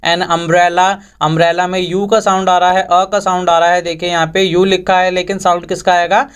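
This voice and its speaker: A man's voice: high voice, flat delivery, fairly quick, a bit bright, smooth. A man teaching English grammar, patiently repeating each point and posing questions to his viewers. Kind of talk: Hindi-language grammar lesson.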